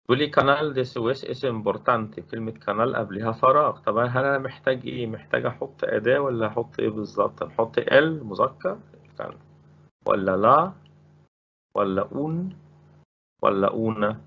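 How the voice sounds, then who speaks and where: A man's voice: mid-range voice, brisk, creaky, husky, phone-quality sound. A man with an Egyptian Arabic accent teaching Spanish grammar in a recorded lesson, explaining step by step and repeating each word. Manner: explains step by step, repeating words and asking rhetorical questions.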